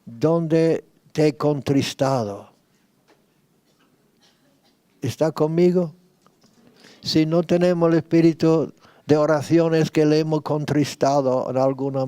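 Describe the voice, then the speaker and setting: A man, a pastor, leading a sermon and spoken prayer, repeating his pleas slowly and fervently. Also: on the high side, dark tone, no echo. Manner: slow fervent praying, repeating pleas, rising in intensity. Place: church retreat.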